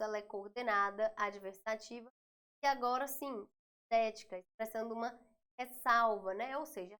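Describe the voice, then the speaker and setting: A woman's voice: fairly high pitch, fairly bright tone. A Brazilian woman teaching a Portuguese exam review, explaining patiently and checking in often with her students.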